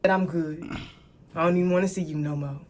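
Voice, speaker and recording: A woman in her twenties telling a story to camera, animated and laughing as she talks straight to viewers. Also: lowish voice, fast talker, slight background noise. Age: 20s.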